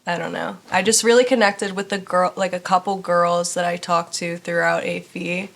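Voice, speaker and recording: A young woman in her early twenties talks in a fairly low voice, easygoing and chatty. She agrees readily and fills her sentences with casual fillers as she explains things to her friends. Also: level tone, moderate pace, creaky, fairly bright tone. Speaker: sorority member and college senior. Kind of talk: casual group chat.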